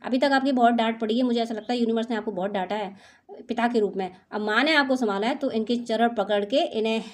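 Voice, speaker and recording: A woman's voice: on the high side, fast talker. A woman doing an intuitive spiritual reading for her viewers, talking in a soothing, motherly, reassuring way. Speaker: spiritual card reader.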